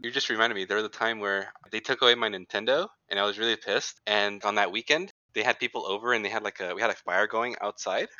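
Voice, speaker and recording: Bright-voiced man, casual storytelling. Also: on the low side, quick pace, hardly any pauses, no echo, dull audio. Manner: animated storyteller, acts out quotes. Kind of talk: casual chat.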